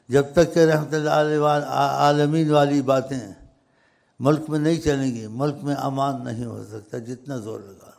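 Gravelly older man preaching. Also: mid-range voice. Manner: rambling, emphatic, swings between loud stresses and soft drops. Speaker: religious speaker. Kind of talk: informal sermon.

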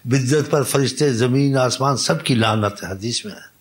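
A man delivering a sermon in an exhorting, insistent way. His voice sits at an ordinary middle pitch. He circles back to the same points again and again and weaves recited Arabic quotations into his preaching. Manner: exhorting, repetitive, quotes Arabic hadith. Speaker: Islamic preacher.

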